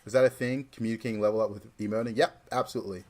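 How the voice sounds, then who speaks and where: Chatting through a card game livestream, a young man from Georgia thinks out loud and leans heavily on fillers. His lowish, slightly mellow voice holds a steady tone while the words come rapid-fire.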